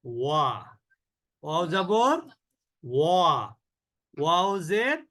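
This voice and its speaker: A man with a high voice leads an online recitation class. He draws out syllables slowly to demonstrate them and keeps asking the students questions. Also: big pitch swings, a bit bright. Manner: slow drawn-out demonstrations of sounds, asks the class questions. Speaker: Quran recitation teacher.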